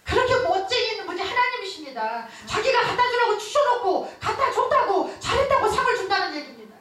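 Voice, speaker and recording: A woman's voice: very high voice, big pitch swings, fast, fairly bright tone. A woman pastor giving an emotive revival sermon, telling her own story with bursts of laughter. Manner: emotive storytelling preaching, laughing as she talks. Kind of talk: revival sermon with personal testimony. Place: large church hall at a revival meeting. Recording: echoey hall heard from far off.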